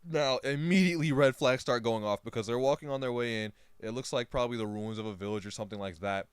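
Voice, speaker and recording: Animated young man recapping a film. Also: mid-range voice, fast talker, clean tone, no room sound, clean studio sound. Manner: animated retelling, trailing off with filler words. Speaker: podcast co-host. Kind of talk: casual chat recapping a film.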